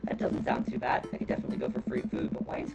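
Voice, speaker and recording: A man streaming a dating game, reading characters' lines aloud and laughing often between them. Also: racing. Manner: laughs often, voices daughter and dad lines, swears casually. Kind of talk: casual game commentary, reading dialogue aloud. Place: home streaming setup. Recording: lo-fi stream audio with game music.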